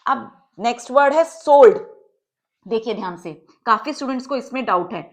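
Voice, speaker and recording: A woman's voice: fairly high pitch, animated, moderate pace. A woman teacher giving a patient, step-by-step lesson, checking that her students follow along.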